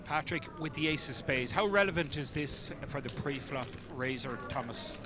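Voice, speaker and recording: A man's voice: mid-range voice, animated, moderate pace, noisy background. A man with an Irish accent giving casual, chatty live poker commentary, with colloquial turns and hesitant asides. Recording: live, loud crowd chatter behind.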